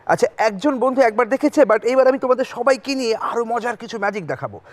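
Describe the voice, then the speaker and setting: An expressive, fast-talking man with an extremely high pitch leads a children's magic show. He narrates stories and keeps the kids involved with brief questions, all over background music.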